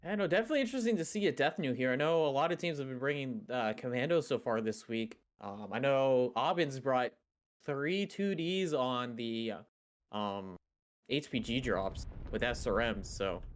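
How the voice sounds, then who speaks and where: Guy co-casting a game match, medium pitch, casual analysis. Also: normal speed. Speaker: esports co-commentator, analyst.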